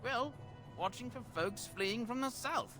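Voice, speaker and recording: A high, smug bandit boss. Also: male voice, expressive, measured pace, music in the background. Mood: groveling. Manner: sly, sarcastic, then groveling. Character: smug bandit leader running a fake toll.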